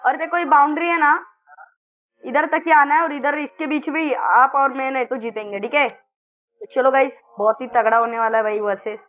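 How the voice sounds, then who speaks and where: High-voiced excitable gamer man. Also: moderate pace, phone-quality sound. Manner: loud, exclamatory, bossing his opponent around. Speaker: gaming channel host. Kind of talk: excited live gameplay commentary.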